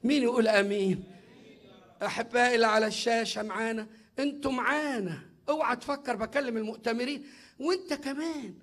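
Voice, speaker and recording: A middle-aged man with an Egyptian Arabic accent, preaching a sermon in an emphatic style, often raising his voice to a shout and speaking directly to his listeners. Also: very high voice, quick pace.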